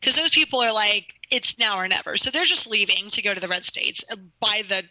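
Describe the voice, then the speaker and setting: Fervent woman with a very bright voice. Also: medium pitch, dry recording, rough recording. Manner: emphatic, fervent, rapid-fire. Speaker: guest attorney. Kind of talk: impassioned interview talk.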